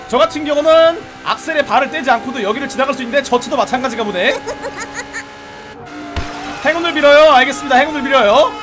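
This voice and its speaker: High-voiced, fast-talking male gamer. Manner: playful, shouts at rival cars during races. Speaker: game YouTuber reviewing a car. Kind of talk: excited gameplay commentary. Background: background music and engine sounds.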